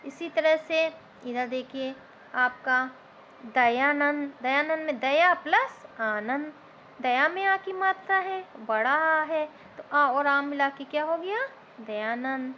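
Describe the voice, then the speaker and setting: A woman's voice: high-pitched, slow pace, bright, forceful tone. A woman teacher, explaining grammar step by step and asking and answering her own questions. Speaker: Hindi teacher. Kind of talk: classroom grammar lesson. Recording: slightly dull lo-fi recording with faint noise.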